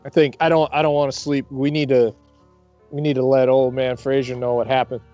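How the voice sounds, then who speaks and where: A man's voice: mid-range voice, little pitch movement, brisk, warm tone. Rattled, stammering man on a dull mic. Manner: rattled, stammering, rough-talking. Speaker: player. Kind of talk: in-character tabletop play. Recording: dull lo-fi mic, faint piano.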